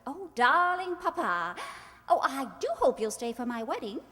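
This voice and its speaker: Here her voice rises high and sharp, sing-song and exaggerated at a moderate pace, as she again plays the haughty society bride turned gushing hostess in the 1940s screwball radio comedy. The manner stays grand and affected, the mood gushing and arch, and the stage recording echoes in a reverberant hall.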